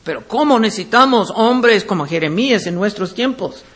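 Man, very high voice, preacher, Bible teaching sermon, reads verses then explains them. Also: animated, fairly bright tone. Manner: reads scripture aloud, then explains it deliberately.

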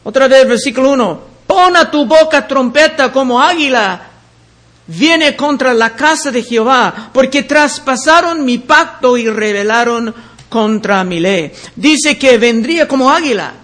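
A man teaching the Bible verse by verse. He reads each passage aloud and then explains it in a deliberate way. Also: very high-pitched, expressive, a bit bright.

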